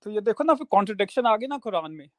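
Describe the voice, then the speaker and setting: Male debater on the defensive, halting, mixes in English, high voice, dry close sound. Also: sing-song, a little mellow, no echo. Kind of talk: heated debate.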